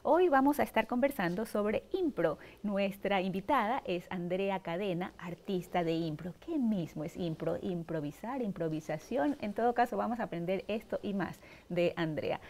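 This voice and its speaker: A middle-aged woman hosts a cultural interview in a TV studio, her voice sitting in an ordinary middle pitch. She introduces and questions her guest in a formal presenter manner, adding short acknowledgements. She is recorded on a clean lapel mic. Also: normal speed, few pauses. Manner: warm formal presenter, frequent backchannel. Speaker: TV host.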